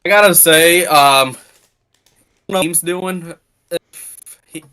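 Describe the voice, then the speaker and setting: A man calls in to a live stream, speaking slowly and haltingly, often trailing off. His voice is bright and smooth, but the buzzy internet call keeps breaking it up into glitchy fragments. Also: on the high side. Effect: breaking-up, glitchy internet call audio. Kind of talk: casual live-stream chat.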